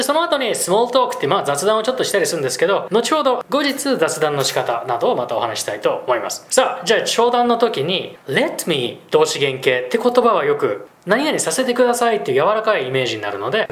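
A fairly high-voiced man teaches business phrases in a quick, chatty way, laughing now and then. His pitch swings widely as he talks. The room gives his voice a noticeable echo. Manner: lively, chatty, laughs often. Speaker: English school principal, guest teacher. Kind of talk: explaining business English. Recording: roomy echo.

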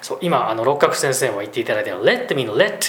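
A man who runs an English school, chatting in a lively way as he explains business English and laughs often. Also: medium pitch, fast. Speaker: English school principal, guest teacher. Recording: roomy echo.

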